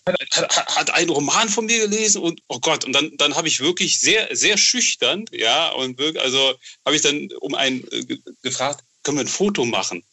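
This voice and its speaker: Talking with animation at a moderate pace and few pauses, a middle-aged male novelist guests on a podcast in a casual, enthusiastic chat. His voice is a little high, bright and forceful, and he frequently restarts phrases as he searches for the right words.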